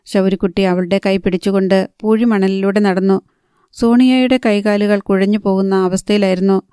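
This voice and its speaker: A woman narrating a novel in a calm, even storytelling manner. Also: medium pitch, moderate pace, smooth, no echo, studio quality. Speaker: audiobook narrator.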